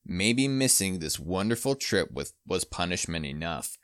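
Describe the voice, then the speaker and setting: A man voices a stern adult chaperone who scolds in a low, deliberate voice. The delivery is slow and weighty. The sound is dry and close to the mic. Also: big pitch swings, a bit bright, smooth, no echo, heavily acted. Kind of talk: comic read-aloud voice.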